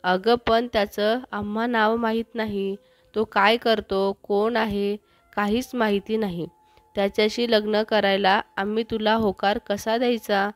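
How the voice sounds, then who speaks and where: A woman's voice: medium pitch, flat delivery, unhurried, no echo, lightly acted. Storybook aunt, firm and coaxing, read by a woman; dry, close read. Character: caring aunt, firm but kind.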